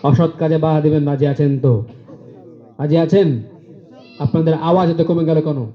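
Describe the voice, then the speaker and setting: A male preacher giving a fiery sermon with sung refrains, calling out to the crowd for loud answers. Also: moderate pace. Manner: rises into high, forceful exclamations. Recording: roomy, dull lo-fi sound.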